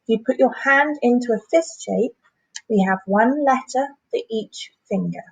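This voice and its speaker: A woman teaching a phonics lesson to young children, sounding out letters and words slowly and clearly. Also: fairly high pitch, low-quality recording. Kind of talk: primary school phonics lesson.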